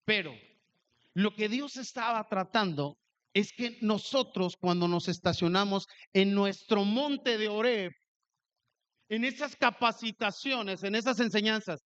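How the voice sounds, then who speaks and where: High-voiced man preaching a lively sermon. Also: clean tone, lo-fi sound. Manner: animated storytelling, acts out quoted dialogue. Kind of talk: sermon with personal story.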